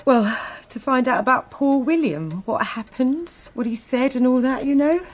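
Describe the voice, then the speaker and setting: In a radio drama, an actress plays an evasive working-class English woman posing as a bereaved sister. Her voice sits high and animated, and she sounds mournful and flustered, fussy, halting and over-apologetic.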